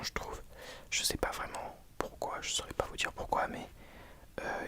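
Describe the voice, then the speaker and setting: This is a book reviewer speaking to viewers entirely in a hushed library whisper. The voice is breathy and soft, with no real voicing, in an ASMR style. The delivery is hesitant, with thoughts corrected along the way.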